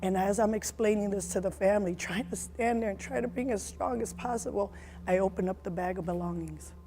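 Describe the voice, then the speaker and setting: A woman in her forties giving a personal testimony as a mother, speaking in an earnest, emotional, halting way. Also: medium pitch, mellow, slight background noise.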